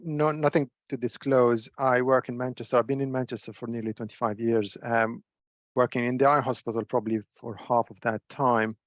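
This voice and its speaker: A middle-aged man giving a webinar lecture as a neuro-ophthalmologist, measured and full of fillers and repeated words. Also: medium pitch, no room sound, lo-fi sound. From Syria. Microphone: video call.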